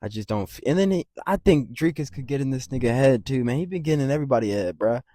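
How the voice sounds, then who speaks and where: A man hosting a casual fight-prediction rant, rambling and swearing freely, with big jumps in loudness. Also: medium pitch, lively intonation, quick pace, no echo, clean studio sound. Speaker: MMA commentary channel host.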